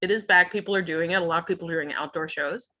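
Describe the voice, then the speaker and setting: Middle-aged woman musician chatting on a podcast, bright tone, giggles all the time. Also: fairly low pitch, fast. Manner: chatty, laughs often between phrases. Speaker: guest musician. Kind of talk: casual interview chat.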